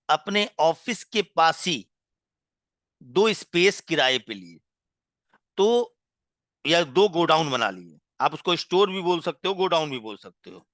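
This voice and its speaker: Brief: male software trainer, bright, higher-pitched voice, deliberate lecturing with frequent check-ins, dry close sound. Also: no echo. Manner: explains slowly, with frequent "ठीक है" check-ins and asides; pauses to clear his throat and apologize. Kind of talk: classroom-style lecture.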